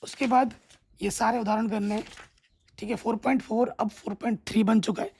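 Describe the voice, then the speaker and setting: A man with a gravelly, slightly husky voice teaches maths, going through the exam syllabus point by point. He instructs steadily and checks in with his students again and again. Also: high voice, steady tone, brisk, a little mellow. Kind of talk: exam syllabus walkthrough lesson.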